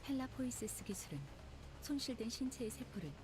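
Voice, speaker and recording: A composed, analytical woman from a game, mellow and very fast. She explains in a matter-of-fact way. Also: on the high side, expressive, husky. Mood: calm, explanatory.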